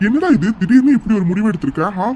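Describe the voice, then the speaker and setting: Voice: mid-range voice, sing-song, quick pace, dark tone, muffled recording, slight background noise, lightly acted. An actor doing a worried, soothing father. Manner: soothing, coaxing.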